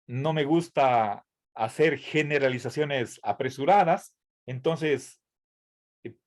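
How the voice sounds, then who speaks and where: A man's voice: mid-range voice, slow pace. A man giving a tutoring lecture, explaining carefully with fillers, restarts and a frequent "¿sí?" to check his students follow. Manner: hesitant, with many fillers and restarts, asks "¿sí?" often. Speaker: university lecturer.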